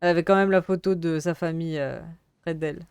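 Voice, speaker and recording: A woman's voice: on the low side, fairly even intonation, quick pace, a little mellow, smooth, no echo. A woman gaming streamer giving casual let's-play commentary, chatty and giggly, slipping in English phrases and reading game notes aloud.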